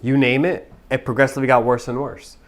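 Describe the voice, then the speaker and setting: Speaking a little fast in a level, mid-range tone, a man from Pakistan in his thirties reflects on his own life during a podcast interview. He comes across earnest and thoughtful.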